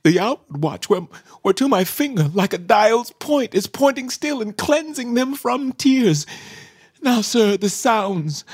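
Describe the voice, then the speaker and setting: Husky, brooding deposed king in prison. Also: very high-pitched, big pitch swings, dry recording, studio quality, full character voice. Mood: anguished. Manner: halting, introspective, theatrical, breaking into sudden swells. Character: imprisoned deposed king, brooding, self-pitying, mentally unravelling. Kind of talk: Shakespearean verse soliloquy, radio play acting.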